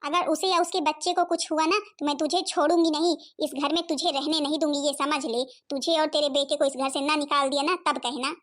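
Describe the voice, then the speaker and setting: A woman's voice: high-pitched, fairly even intonation, fairly quick, hardly any pauses, natural voice. A woman voicing an older mother-in-law in a cartoon, stern and threatening one moment, wailing the next. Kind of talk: cartoon voice acting.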